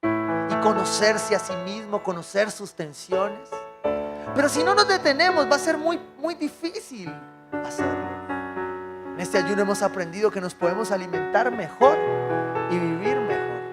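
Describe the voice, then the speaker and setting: A man's voice: high voice, measured pace, long pauses, over loud music. A man with a Colombian accent preaching a sermon as pastor, telling stories and putting questions to the congregation. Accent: Colombian Spanish. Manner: animated storytelling, acting out dialogue, asking the congregation questions. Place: church.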